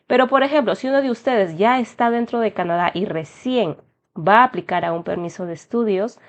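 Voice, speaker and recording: A woman's voice: mid-range voice, brisk. Peruvian woman explaining a form step by step. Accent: Peruvian Spanish. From Peru. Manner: explanatory, addresses viewers as "chicos". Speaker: immigration tutorial host. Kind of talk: step-by-step tutorial narration. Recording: slightly dull lo-fi sound.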